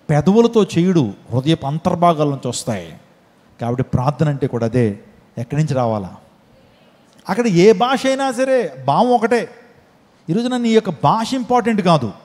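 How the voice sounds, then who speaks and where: High-voiced pastor preaching in a reverberant hall. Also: male voice, warm tone. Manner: preaching with rhetorical questions, acting out cries. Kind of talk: sermon.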